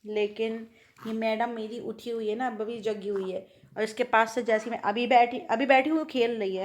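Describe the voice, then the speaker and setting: Soft-spoken woman with a sore throat. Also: a little high. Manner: speaks slowly and softly. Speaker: vlogger. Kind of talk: casual home vlog. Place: sunny rooftop, outdoors.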